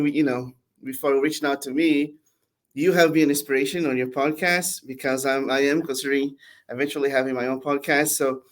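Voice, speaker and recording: A man in his forties from Brazil, a podcast guest telling his story in a relaxed, chatty way with frequent restarts and laughs. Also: medium pitch. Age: 40s. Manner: warm, laughing, many restarts and repeated words. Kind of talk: casual storytelling interview.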